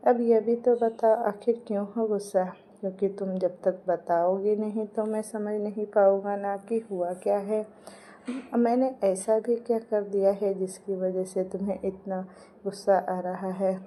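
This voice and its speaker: A woman's voice: medium pitch, a little slow, natural voice. Woman doing a patient young husband. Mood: soothing. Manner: calm, placating.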